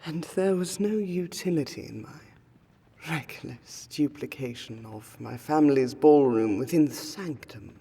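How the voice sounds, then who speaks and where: Playing a slow, weary aristocratic vampire lady, a woman uses a low, mellow, exaggerated voice with a wry edge. Her formal archaic monologue for this fantasy roleplay drama is halting and sighing, exhausted and pained, drifting into breathy whispers against music.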